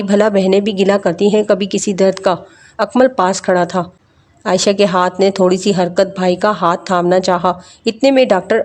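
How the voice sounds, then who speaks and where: A woman's voice: medium pitch, a little mellow. A woman storyteller narrating a moral story in a dramatic, lamenting way.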